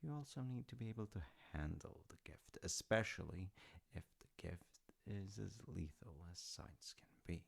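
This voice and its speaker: With a low, slightly rough, creaky voice and lively intonation, a man heavily acts the part of a relaxed, artistic father. At a moderate pace he tells his adult child old Norse myths in an intimate audio roleplay, dry and lightly humorous, plainly amused.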